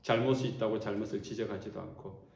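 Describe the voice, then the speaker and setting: A man preaching a sermon as pastor, animated and expressive, acting out quotes as he goes. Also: lowish voice, fast talker, gravelly. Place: church sanctuary. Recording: roomy church echo.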